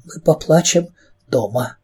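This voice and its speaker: Frightened storybook girl, sobbing pleas, pitched high, voiced by a man. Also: animated, measured pace, dark tone, breathy edge, full character voice. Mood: tearful. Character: tearful frightened young girl.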